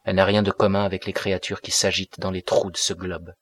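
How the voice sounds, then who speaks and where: A man's voice: low voice, level tone, quick pace, no room sound. A man reading the lines of a passionate, brooding young man in a storybook reading. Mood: exalted.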